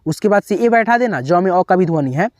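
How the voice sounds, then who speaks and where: A man's voice: high-pitched, lively intonation, a little fast, a little mellow, no room sound, studio quality. A man teaching a beginners' spelling lesson, patiently spelling out each word letter by letter and checking in with his viewers again and again. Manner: keeps saying "okay, friends".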